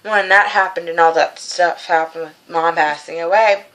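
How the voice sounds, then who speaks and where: A woman in her 20s with a fairly low, steady, fairly bright voice speaks at a moderate pace in an informal, heartfelt talk to camera. As a vlogger sharing a personal message of support, she comes across as earnest and encouraging, though the recording quality is low.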